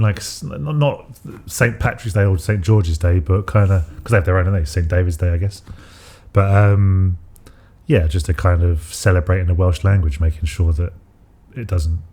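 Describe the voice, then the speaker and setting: A man's voice: low-pitched, normal speed, dark tone. A man co-hosting a podcast in casual chat, rambling with many fillers and restarts. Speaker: podcast co-host.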